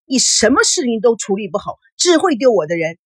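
A woman's voice: high-pitched, big pitch swings, normal speed, sharp tone, husky, dry recording, clean studio sound, voice pushed up, exaggerated voice. A woman voicing a hot-tempered middle-aged father who barks angry orders.

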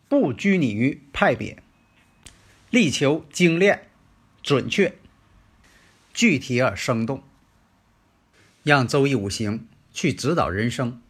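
A middle-aged or older man with a slightly husky voice, hosting a teaching show and addressing listeners in a didactic lecture style. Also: mid-range voice, animated, slow, pauses often. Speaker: host of a Chinese metaphysics teaching show. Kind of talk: spoken lecture and New Year address to listeners.

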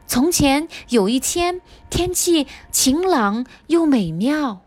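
A woman's voice: high-pitched, animated, slow pace, voice pushed up. A woman voicing a cross, sleepy boy rabbit in a children's storybook reading, huffing and scolding. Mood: gentle. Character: boy rabbit with long ears, grumpy sleepy friend.

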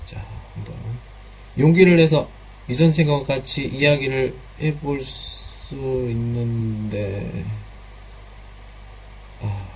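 A man's voice: mid-range voice, slow, creaky, pauses often, darkish tone, slight background noise. A man teaching pronunciation in a live online class, patiently repeating drill sounds and mixing in some Chinese words.

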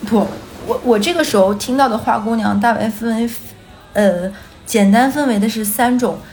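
A woman co-hosting a radio podcast in casual chat, telling stories lively, acting out quoted dialogue and laughing often. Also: a little high, moderate pace, soft background music. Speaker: podcast co-host. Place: radio studio.

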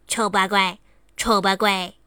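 A woman voicing a magic talking frog that echoes words and later speaks as a gentle boy in a storybook. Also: medium pitch, level tone, takes it slowly, clear, resonant tone, clean studio sound. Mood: parroting. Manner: parroting then gently explaining.

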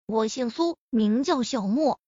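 A woman's voice: on the high side, lively intonation, a little slow, dark tone, dry recording, pitched below the performer's own voice. A woman reading an eager young graduate. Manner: earnest, a little bashful. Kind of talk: audiobook reading. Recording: dull lo-fi recording.

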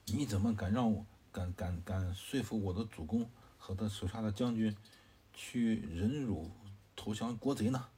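A man's voice: lowish voice, moderate pace, dark tone, breathy edge. A man voicing an earnest adult male advisor who protests in a plain, conversational storytelling voice. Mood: protesting.

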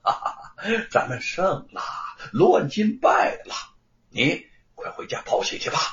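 A man voicing a clever young scholar in an audiobook story, arguing in a pointed, deliberate way. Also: high-pitched, huge pitch swings, vocal fry, a bit bright, voice pushed up, full character voice. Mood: pointed, triumphant. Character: clever young male scholar, quick-witted. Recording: roomy, slightly dull recording.

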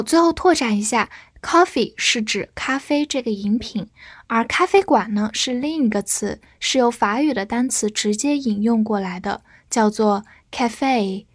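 Clear, higher-pitched woman teaching vocabulary. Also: no room sound, clean studio sound. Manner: clear, deliberate, spells words letter by letter. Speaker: English teacher. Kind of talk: vocabulary lesson with slow model reading.

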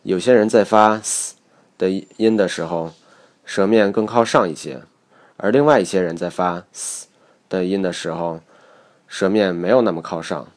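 A man with a very low voice reads a scripted pronunciation lesson. He explains each point in a measured, steady way. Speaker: English pronunciation teacher.

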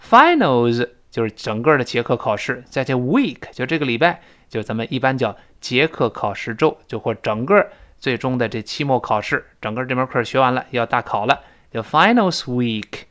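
An English teacher, a man whose first language is Chinese, talks through a lesson in a lively, animated way with a mid-range voice. He fills his explanations with little fillers and slows right down to drill each word. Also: medium pitch. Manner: explains at length with many fillers, repeats words slowly to model pronunciation.

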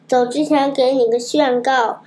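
A woman reading a storybook, voicing a wise old talking cicada who lectures calmly. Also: high-pitched, a little slow. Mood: calm, admonishing. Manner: calm, lecturing.

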